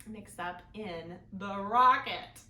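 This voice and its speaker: Speaking at a slow pace in a medium-pitched voice that sounds pushed and bright, a woman hosts children's storytime at a library. She reads picture books and sings songs with small kids in a playful, sing-song way, asking them little questions. The recording has clear background noise and an echoey room sound.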